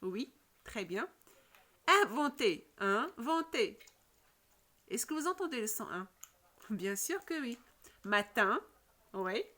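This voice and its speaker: Woman teacher, slightly high, unhurried, patient phonics lesson for kids. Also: sing-song, a bit bright. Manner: slow, patient, repeats questions and checks with "d'accord?".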